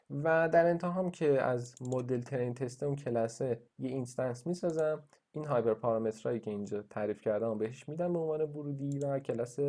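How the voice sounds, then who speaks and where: A man's voice: medium pitch, warm tone. A man lecturing in a screen-recorded coding tutorial, thinking aloud with fillers and restarts as he walks through his code. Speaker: university lecturer.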